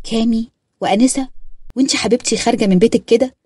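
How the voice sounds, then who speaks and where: A woman's voice: fairly high pitch, very fast, a little mellow, breathy edge. A woman with an Egyptian accent voicing a jealous young wife who scolds sarcastically. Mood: scolding. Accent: Egyptian Arabic.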